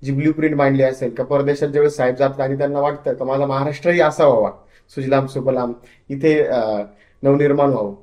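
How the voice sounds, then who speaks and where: A young man from Maharashtra answers an interviewer's questions about his political work. He sounds earnest and loyal, his sentences sometimes stumbling and restarting. His voice is mellow and dark, and the room around him rings back. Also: mid-range voice, steady tone, fast, echoey room. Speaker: political party worker, interview guest.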